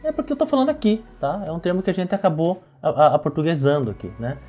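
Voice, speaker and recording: Brazilian man, quick tutorial delivery, mellow tone, teacher who keeps checking in with the viewer. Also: a little high, expressive, faint music behind. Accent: Brazilian Portuguese. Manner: explains while writing, keeps checking in with "tá?" and "né?". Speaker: calligraphy and lettering teacher. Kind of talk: tutorial explaining while demonstrating.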